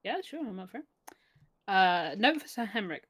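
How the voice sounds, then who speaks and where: A woman's voice: mid-range voice, very animated, moderate pace, a bit bright. A woman co-hosting a game stream, giving casual commentary and sometimes reading text aloud. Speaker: stream co-host.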